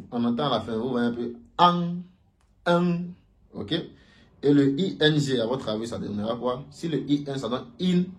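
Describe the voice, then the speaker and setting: A man teaching a pronunciation lesson, patiently explaining and loudly repeating each sound for students to copy. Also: mid-range voice. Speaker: language teacher.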